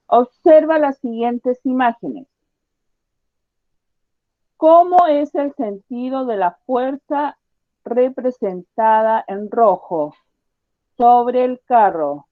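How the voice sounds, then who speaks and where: A woman teacher giving a science lesson to children, patiently repeating her questions and slowly spelling out each point. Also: fairly high pitch, expressive, no room sound, phone-quality sound. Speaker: primary school teacher.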